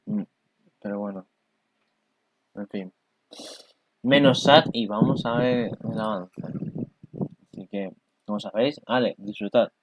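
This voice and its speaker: A man's voice: fairly low pitch, unhurried, pauses often, low-quality recording. A man chats casually over an anime preview, rambling, exclaiming and swearing as he goes. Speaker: anime reaction youtuber. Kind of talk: casual commentary.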